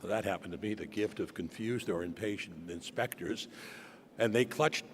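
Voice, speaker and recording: A man hosting a formal ceremony, speaking with dramatic, deliberate pauses in oratorical style. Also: lowish voice. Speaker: ceremony host. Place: great hall before an audience. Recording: reverberant hall with background noise.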